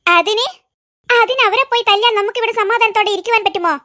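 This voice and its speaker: A woman's voice: very high voice, fast, sharp tone. A woman voicing a sensible, worried young girl in a cartoon, asking earnest questions. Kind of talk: cartoon voice acting.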